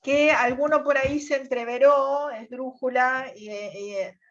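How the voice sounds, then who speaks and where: A woman teacher explains step by step on a video call, pausing often to check that the class follows. Her voice sits high and her pace is unhurried. The audio is dull and lo-fi. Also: steady tone, a bit bright. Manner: patient, repeats "¿tá?" checks.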